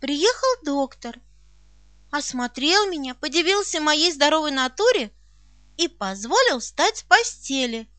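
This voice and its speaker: A woman's voice: sits high, sing-song, a little slow, a bit bright, no room sound. A woman reading an audiobook aloud, telling a first-person story expressively. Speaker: audiobook narrator. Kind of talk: scripted audiobook narration.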